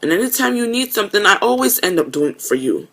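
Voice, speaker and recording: Woman vlogger, emotional confessional monologue, earnest, halting delivery with restarts. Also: medium pitch, very animated, fairly bright tone. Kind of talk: confessional video message.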